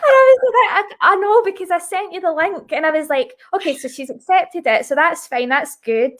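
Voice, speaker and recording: A woman's voice: extremely high pitch, expressive, moderate pace, a bit bright. A Scottish woman hosting an interview, bubbly and chatty over a video call. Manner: bubbly, chatty, self-deprecating. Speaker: host. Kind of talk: casual interview chat.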